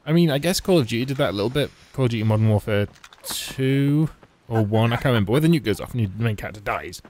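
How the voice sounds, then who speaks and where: This let's play host speaks fast and expressively, with a medium pitch and darkish tone, tossing out sarcastic, wry and mocking asides about the video game he's playing. Game music sits under his voice, along with slight background noise.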